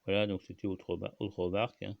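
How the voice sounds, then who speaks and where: Gravelly man rambling in a casual monologue. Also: lowish voice, flat delivery, fast talker, no echo, highs cut off. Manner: rambling, many fillers and restarts, frequent coughs. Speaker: channel host.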